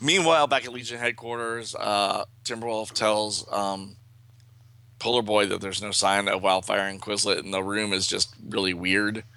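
Gravelly-voiced man, bright and offhand. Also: fairly low pitch, fairly even intonation, moderate pace. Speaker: podcast co-host. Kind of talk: casual chat and comic-book recap.

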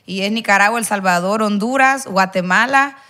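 A woman's voice: mid-range voice, normal speed, sharp tone. A woman guest on a casual podcast, chatty and thinking aloud as she goes. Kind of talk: casual chat.

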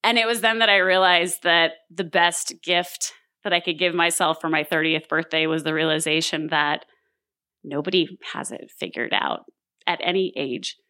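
A woman's voice: on the low side, steady tone, moderate pace, pushed and bright. A woman in her thirties from Southern California, telling a true story on stage in a candid, self-deprecating way with frequent fillers. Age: 30s. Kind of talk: live true-story monologue.

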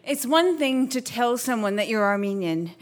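High-voiced woman telling a playful story. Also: moderate pace, a little hiss or hum. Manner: playful and animated. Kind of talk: comic personal story told live on stage.

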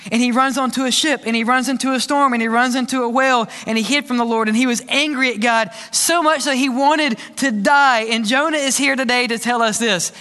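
Pastor guy preaching, high bright voice, big echoey church sound. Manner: animated preaching with questions to the congregation. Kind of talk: sermon.

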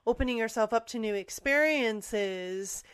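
A woman's voice: a little high, measured pace, clear, resonant tone, dry recording, clean studio sound. A woman co-hosting a music podcast, chatting casually and saying "like" often. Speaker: podcast co-host.

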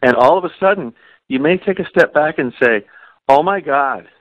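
A man with a fairly high, expressive voice speaks briskly as co-host of a podcast about coaching and parenting. He talks earnestly and repeats key phrases for emphasis; the audio is dull with no echo.

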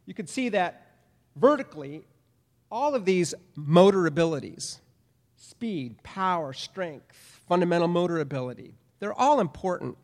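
A man's voice: high voice, expressive, measured pace, a little mellow. A middle-aged man giving a conference presentation as a professor, speaking emphatically with repeated phrases. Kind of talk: lecture presentation. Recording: long hall reverb.

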